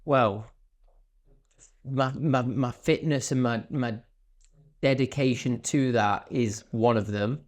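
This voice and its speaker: A man's voice: medium pitch, slow pace, pauses often. A man hosting a podcast, asking curious questions and sharing his own experiences in casual conversation. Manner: curious, affirming listener. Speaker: podcast host.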